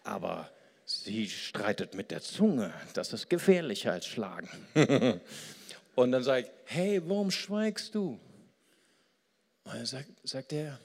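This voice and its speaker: A man preaching a sermon as pastor, lively and storytelling, slowing down to stress key words. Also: on the low side, gravelly, husky, big-room sound.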